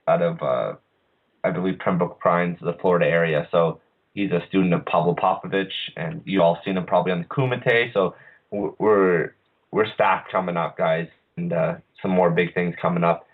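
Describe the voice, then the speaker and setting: A man hosting an online radio show, talking casually with lots of hesitations and restarts. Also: low-pitched. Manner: halting, many uhs and restarts. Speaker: podcast host. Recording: phone-line quality audio.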